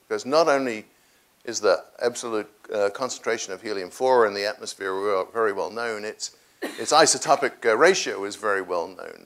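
An older man in a large lecture hall, answering audience questions on a lapel mic, halting with many restarts. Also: fairly low pitch, fairly bright tone. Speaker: guest speaker taking audience questions.

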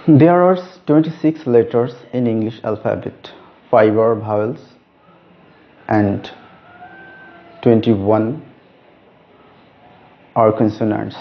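A man teaching a lesson on letter names, speaking slowly and stressing each letter. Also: lowish voice. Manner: slow, deliberate, stresses each letter name. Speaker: English teacher. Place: room with a whiteboard. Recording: dull lo-fi recording.

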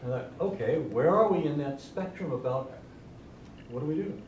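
Male class member with a mellow voice who questions and challenges, heard from across an echoey room. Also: on the high side, lively intonation, highs cut off, slight background noise. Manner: deliberate, argumentative, searching for words. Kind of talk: church class discussion. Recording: echoey room, mic far off.

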